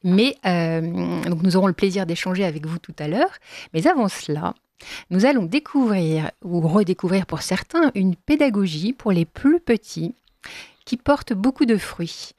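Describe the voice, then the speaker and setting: A woman hosting a radio talk show, introducing guests in a measured way. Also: fairly low pitch, animated, darkish tone, no room sound, clean studio sound. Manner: measured, slowing on key phrases, light laughs. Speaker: radio host.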